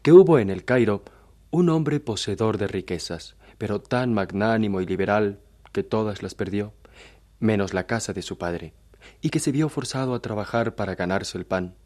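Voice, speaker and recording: A man reading a short tale aloud in a slow, measured, solemn storytelling manner. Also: on the low side, darkish tone. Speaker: narrator.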